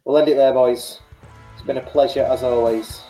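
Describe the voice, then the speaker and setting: A man's voice: mid-range voice, fairly even intonation, moderate pace, warm tone, faint music behind. An English man hosting a football fan podcast, chatting casually in a matey, informal way. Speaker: podcast host. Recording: roomy, echoey voice.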